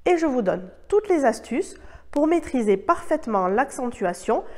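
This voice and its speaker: French-speaking woman teaching spanish online, clear and measured, a bit high-pitched. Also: very animated, mellow. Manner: clear, measured explanations with modeled Spanish words. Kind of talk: scripted online lesson.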